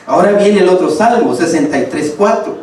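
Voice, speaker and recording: A man's voice: sits high, lively intonation, brisk, darkish tone, a little hiss or hum. A man preaching a sermon, speaking emphatically and addressing his congregation directly. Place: church hall. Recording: echoey hall, distant mic.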